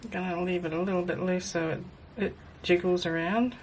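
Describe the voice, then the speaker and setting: Middle-aged woman, lower-pitched, informal craft demo narration; tinny, tin-can camera-mic sound with noticeable background noise. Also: steady tone, a little fast, a little mellow. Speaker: craft video maker. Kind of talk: casual craft demonstration, thinking aloud. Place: indoors at a craft table. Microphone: built-in camera microphone, overhead at a distance.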